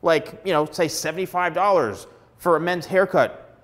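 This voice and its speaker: A man's voice: fairly high pitch, normal speed, fairly bright tone. A middle-aged man, a hairstylist, giving blunt, emphatic advice straight to camera on a lapel mic. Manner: emphatic, blunt, repeats words for stress. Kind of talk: direct-to-camera advice vlog. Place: plain studio backdrop indoors.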